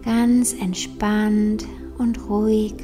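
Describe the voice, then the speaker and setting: Very slow, soft whispery woman guiding meditation. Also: medium pitch, level tone. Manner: soothing, very slow, with long pauses. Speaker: meditation guide. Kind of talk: guided meditation in a soft, breathy near-whisper. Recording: soft new-age music behind. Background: new-age meditation music.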